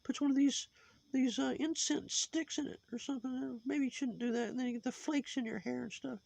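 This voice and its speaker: A shrill, gravelly preachy sock puppet. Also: male voice, fairly even intonation, a little fast, a little mellow, full character voice. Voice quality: high put-on voice. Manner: lecturing, moralizing, rambling.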